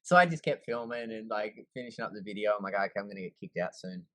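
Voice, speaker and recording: A man's voice: fairly low pitch, fast, pushed and bright, no room sound, poor audio. Chill aussie guy yarning in an interview, lots of um and man, dry close mic. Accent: Australian. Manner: laid-back, easygoing, lots of fillers. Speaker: guest. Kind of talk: casual storytelling.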